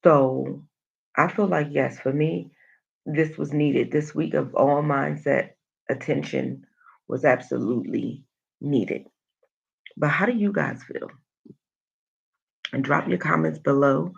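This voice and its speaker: A woman's voice: deep voice, slow, gravelly, long pauses, slightly rough, lo-fi sound. A woman hosting a motivational livestream, coaching listeners and responding to comments, with an emphatic manner that leans on repeated phrases. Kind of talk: motivational livestream talk, reading and answering comments.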